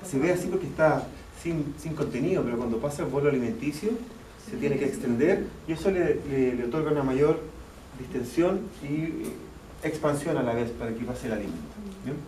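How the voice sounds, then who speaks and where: This anatomy lecturer speaks fairly quickly in a mellow, slightly high voice, walking students through the material step by step. He repeats key terms and checks in with "¿ya?" to confirm they're following. The recording comes from a distant mic in an echoey lecture hall with faint background noise.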